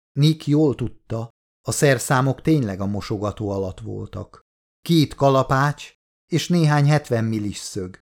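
A man with a medium-pitched voice narrates a horror novel as an audiobook, keeping his reading steady and measured.

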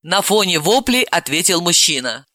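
Male audiobook narrator, bright and lively, dry close sound. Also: sits high, moderate pace, dry recording. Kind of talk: scripted narration.

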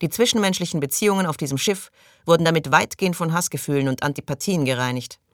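A man's voice: fairly high pitch, fast, no echo, clean studio sound, close to an everyday voice. A man voicing a matter-of-fact male crewman who explains things in clinical terms. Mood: explaining.

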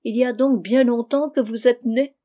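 A woman's voice: on the high side, animated, unhurried, mellow, pitched above the performer's own voice. A woman voicing a teenage princess who speaks with a playful, lightly ironic tone. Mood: teasing.

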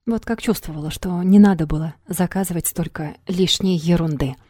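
Woman reading tired resigned young woman, audiobook, low warm voice. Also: moderate pace, no room sound, clean studio sound, lightly acted.

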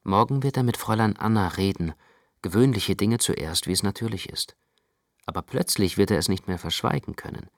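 A man playing an anxious young narrator, radio play, gravelly low voice, dry close sound. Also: no echo, natural voice. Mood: brooding. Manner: introspective, measured, intense. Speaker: first-person narrator.

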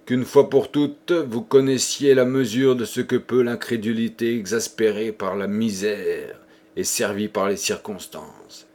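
A man's voice: on the low side, steady tone, a little slow, darkish tone. A man reading as a brooding, guilt-ridden man confessing a murder. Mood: somber. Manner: somber, grave. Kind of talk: audiobook reading.

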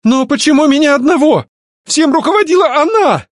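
A man reading an audiobook, voicing a pompous, panicky nobleman who yells in high yelps. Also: animated, normal speed, no room sound, studio quality. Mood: shrill outrage.

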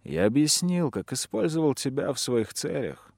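A man's voice: a little high, expressive, moderate pace, gravelly, darkish tone, no echo, studio quality. A man voicing a ruthless, cold chieftain who usurped a clan's throne, speaking in a commanding, mocking manner in an audiobook reading.

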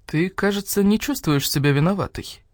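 A woman voicing a stern, gruff elder badger in a storybook. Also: lowish voice, moderate pace, darkish tone, no echo, studio quality, close to an everyday voice. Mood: calm.

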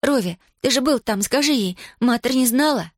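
A woman voicing a fiery, defiant young girl who shouts in a high, indignant voice. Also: animated, moderate pace, no echo, clean studio sound. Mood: pleading.

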